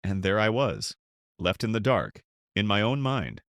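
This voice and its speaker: Middle-aged male narrator, low voice, dramatic first-person storytelling, dry close sound. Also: big pitch swings, unhurried, a bit bright, no room sound.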